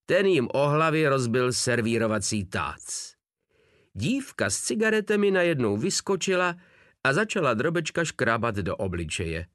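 A man narrating an audiobook in a vivid, lively storytelling style. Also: medium pitch, no echo, clean studio sound.

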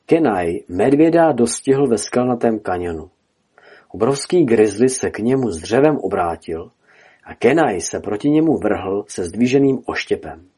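A man reading a storybook aloud as narrator, telling it dramatically in a husky voice. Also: lowish voice, animated, dark tone.

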